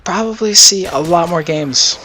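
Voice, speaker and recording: A man's voice: high-pitched, measured pace, bright, forceful tone, a little hiss or hum. A man rambling casually through his video game predictions in a vlog. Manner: rambling, loose and chatty. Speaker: gaming YouTuber.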